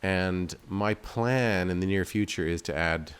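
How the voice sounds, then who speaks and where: Here the man's voice is deep, clear and resonant, and he takes his time. He's a game developer hosting a video of his own game, offering relaxed commentary that rambles as he thinks aloud and jokes at his own expense.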